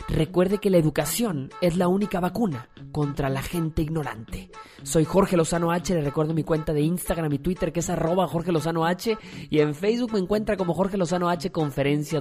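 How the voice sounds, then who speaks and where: A man delivers a scripted motivational talk in a mellow, warm voice, speaking formally and directly to the listener. His manner is preachy and emphatic. Soft music plays faintly underneath. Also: high voice.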